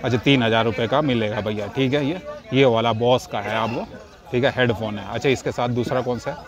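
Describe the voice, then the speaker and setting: A man walks viewers through a busy street stall with a phone camera in hand, echoing every price the seller gives. His voice sits at an ordinary middle pitch and is recorded outdoors, with a crowd murmuring behind him. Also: brisk. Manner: echoes each price back, says "bhaiya" often. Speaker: vlogger. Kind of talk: casual market walkthrough, repeating prices for viewers. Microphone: handheld phone camera.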